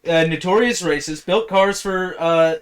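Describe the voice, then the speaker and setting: A man with a notably high voice, talking in a skeptical, sardonic way. He fires back quick rebuttals in a casual podcast argument. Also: clean tone. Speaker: podcast co-host. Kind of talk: casual debate chat.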